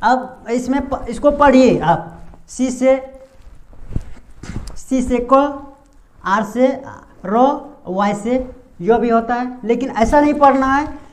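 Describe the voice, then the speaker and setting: Slow-paced man teaching pronunciation. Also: extremely high pitch, a little mellow. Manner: asks rhetorical questions and repeats sounds. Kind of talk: whiteboard lesson.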